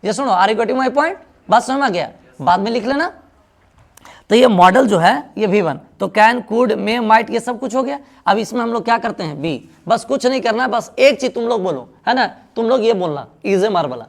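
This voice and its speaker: His voice high, gravelly and expressive, an Indian man with a Bihari Hindi accent runs a classroom-style English grammar lesson at normal pace, putting questions to the class and supplying the answers himself.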